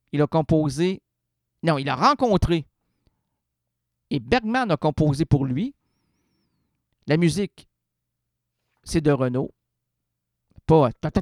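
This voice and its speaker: A radio host, speaking in a little high, a little mellow voice, reads poetry in the studio and wanders off into jokes and word play, breaking into song and cutting himself off. The sound is clean studio quality with no echo.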